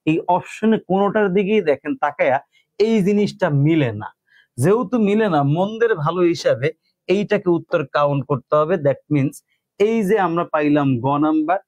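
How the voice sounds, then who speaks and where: A man's voice: a little high, no echo. A young man with a colloquial Bangladeshi Bengali accent teaching a live online exam-prep class, explaining step by step, calling listeners "bhai" and reading out student names.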